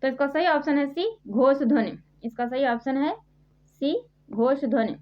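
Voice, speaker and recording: A woman's voice: high voice, normal speed. A woman teaching a grammar quiz lesson, reading each question and answer twice and spelling out the sounds one by one. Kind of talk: quiz-style exam prep lesson. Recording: dull lo-fi sound.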